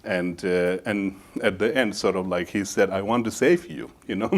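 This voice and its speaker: A male Buddhist teacher giving a dharma talk, speaking haltingly with many fillers and laughing often at his own story. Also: fairly low pitch.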